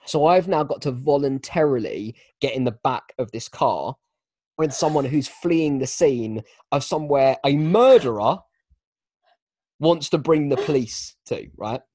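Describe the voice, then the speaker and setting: A young man telling a casual, self-mocking anecdote with animated delivery. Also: medium pitch, unhurried, slightly rough. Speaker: storyteller.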